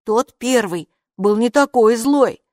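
A woman's voice: fairly high pitch, takes it slowly, darkish tone, dry recording, studio quality, voice pushed up. A woman doing a scared little boy. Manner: worried, protesting. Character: frightened little boy, anxious and whiny. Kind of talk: audiobook character voice.

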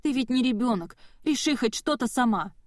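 A woman's voice: medium pitch, unhurried, a little mellow, dry recording, studio quality, lightly acted. A woman voicing a weary, exasperated woman mayor who speaks in a strained, clipped way. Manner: strained, clipped, holding back irritation.

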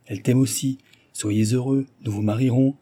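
A man's voice: medium pitch, steady tone, moderate pace, mellow, husky, lightly acted. A man voicing a proud, indignant old French marquis in an audiobook, declaiming vehemently.

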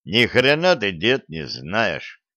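A man's voice: fairly low pitch, huge pitch swings, takes it slowly, bright, forceful tone, dry recording, clean studio sound, full character voice. A man as a scornful young commando. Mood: mocking. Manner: scornful, provoking. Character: brash mocking young special-forces commander.

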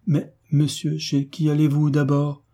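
A man reading an audiobook and voicing a pompous, fussy middle-aged landlord, slightly higher than his narrating voice. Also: normal speed, dark tone, breathy edge, lightly acted. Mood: flustered. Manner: indignant, fussy.

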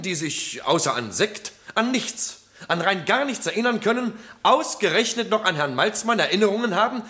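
An actor playing an indignant prosecutor who protests emphatically in a 1960s radio drama. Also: male voice, high voice, sharp tone, heavily acted.

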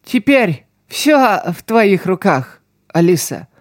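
A man reading an audiobook, voicing a wounded, dying street girl who speaks slowly through the strain. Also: sits high, sing-song, dry recording, studio quality, voice pushed up, heavily acted. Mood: weak, urgent. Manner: slow, strained, fading speech.

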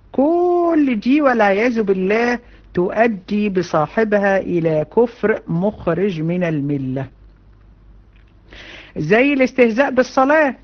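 A woman with an Egyptian Arabic accent giving a religion lesson to women, animated and colloquial, with many rhetorical questions. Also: mid-range voice, muffled recording. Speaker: religion teacher. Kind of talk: lecture to women students.

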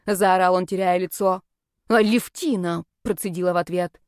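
A woman's voice: medium pitch, normal speed, a little mellow, dry recording, clean studio sound. A woman narrating a first-person audiobook in a wry, sardonic tone.

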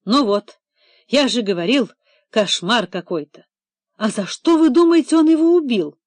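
A woman's voice: medium pitch, a little slow, no echo. Woman playing a trembling, theatrical male administrator. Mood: agitated. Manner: excitable, indignant, voice trembling. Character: nervous, theatrical middle-aged male administrator. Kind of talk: audiobook character reading.

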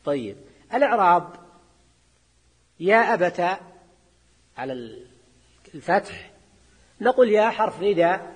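A sheikh lectures a class in a husky voice, checking in with his listeners through repeated quick questions. His voice sits high, and a long reverb trails after each phrase, as in a large lecture hall. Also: very animated.

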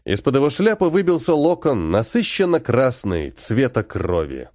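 A man narrating a fantasy story in a dramatic, expressive reading. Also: mid-range voice, moderate pace, dry recording, clean studio sound. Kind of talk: scripted audiobook narration.

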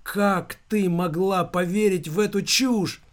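An agitated young man in a storybook reading, as a male narrator puts him on, shouting and defensive. His voice rides higher and louder than the reader's own. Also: fairly even intonation, slow pace.

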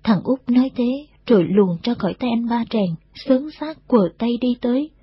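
Woman reading an audiobook, very breathy husky voice, bit high, dry dull audio. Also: normal speed, no echo. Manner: steady storytelling. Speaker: narrator. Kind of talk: audiobook reading of a war novel.

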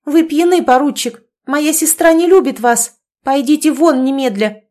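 A woman voicing a bold, indignant sixteen-year-old girl with sharp, commanding speech, in an audiobook reading. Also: sits high, moderate pace, pitched above the performer's own voice, close to an everyday voice.

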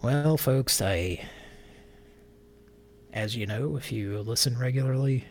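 A man's voice: medium pitch, takes it slowly, a little hiss or hum. A man hosting a live show, rambling through irreverent jokes and stopping himself mid-sentence. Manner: meandering, self-interrupting, irreverent jokes. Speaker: livestream show host. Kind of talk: rambling comedic live chat.

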